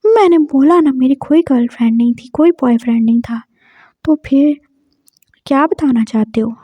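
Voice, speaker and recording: A teasing yet protective young man , voiced by a woman, speaks in a light, playful tone. His voice sits high, recorded close and dry with slightly dulled highs. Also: normal speed, no echo, highs cut off. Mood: curious. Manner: teasing, then gently soothing.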